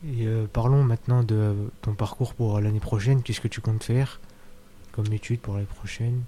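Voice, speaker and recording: A man hosting a school radio interview, calmly prompting his guest with questions. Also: lowish voice, normal speed, a little hiss or hum.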